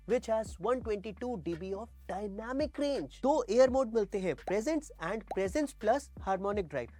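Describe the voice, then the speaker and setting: A man's voice: sits high, a little mellow. A man with an Indian accent walking through a studio product demo, explaining features step by step. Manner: explanatory, mixes English terms into Hindi. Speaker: gear reviewer. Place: home studio. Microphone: wireless mic, then dynamic and condenser mics.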